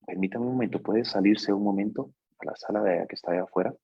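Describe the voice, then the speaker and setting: A man telling a personal story in a talk, hesitant, with fillers and repeated words, going soft at the sad parts. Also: fairly low pitch, quick pace, slightly rough, dry recording. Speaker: life coach. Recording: dull, dry, lo-fi recording.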